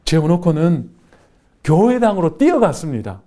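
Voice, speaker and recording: Give me a male pastor preaching an emphatic sermon, fairly high and warm. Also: big pitch swings, normal speed. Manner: emphatic preaching with repeated affirmations. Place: church.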